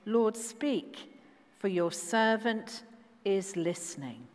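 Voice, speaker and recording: Woman playing a young boy, earnest, eager, lively lilt, echoey hall. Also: mid-range voice, takes it slowly.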